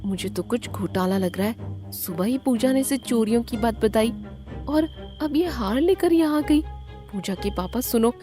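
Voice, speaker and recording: A modest village mother in a cartoon, as a woman acts her out, soft-spoken and sensible. The voice drops lower than the other women's voices but stays fairly high for a woman. Faint music plays behind. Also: animated, normal speed, close to an everyday voice. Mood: suspicious. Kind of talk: animated cartoon voice acting.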